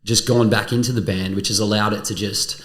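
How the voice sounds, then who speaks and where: An Australian man with a low voice talks in a loose, rambling way, peppering his stories with swearing. His voice bounces around an echoey room. It is relaxed podcast chat between friends. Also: a little fast. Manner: swears a lot, rambling storyteller. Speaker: podcast guest, musician.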